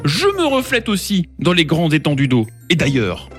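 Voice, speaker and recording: A woman voicing a boastful blue colour in a children's story, dropping her voice deep. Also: huge pitch swings, normal speed, soft background music.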